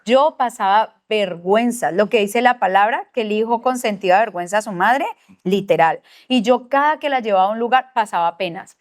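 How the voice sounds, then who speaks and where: Colombian lady teaching a church parents class, kinda high voice, acts out all the people in her story. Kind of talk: church teaching talk, telling a family story.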